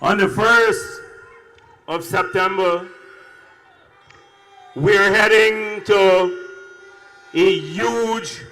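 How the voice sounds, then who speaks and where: Slow, emphatic man at a rally. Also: high voice, faint music behind, rough recording. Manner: slow, emphatic, shouted words. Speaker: rally speaker. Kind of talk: political rally speech.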